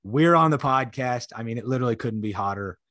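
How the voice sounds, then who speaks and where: A man's voice: mid-range voice, animated, fast talker, a bit bright, no room sound, clean studio sound. Male podcast host with his voice giving out. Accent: American. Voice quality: voice giving out, partly lost. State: losing his voice. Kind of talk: casual sports podcast chat.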